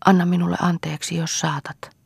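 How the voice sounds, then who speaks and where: A woman's voice: lowish voice, little pitch movement, gravelly, slightly rough, no echo, pitched above the performer's own voice, full character voice. A woman reading a frightened young peasant wife. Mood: pleading. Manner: pleading, anxious. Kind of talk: audiobook character reading.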